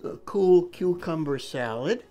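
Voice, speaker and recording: Older man, unhurried cooking chat, lively pitch, home kitchen, faint music behind. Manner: chatty, enthusiastic, chuckling. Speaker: cooking video host. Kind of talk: casual cooking demonstration.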